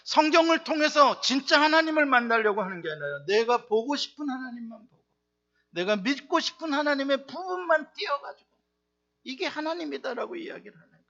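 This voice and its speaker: A man pastor delivers a sermon in a very high, bright voice. He drives his points home with rhetorical questions and swings from loud bursts to quiet asides. The recording is dull and lo-fi. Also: lively intonation, a little fast.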